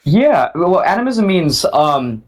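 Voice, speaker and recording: A young man answering as a guest on a casual podcast, relaxed and talkative, full of fillers and restarts. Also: a little high, slow pace, rough recording. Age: young adult. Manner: relaxed and talkative, lots of fillers and self-interruption.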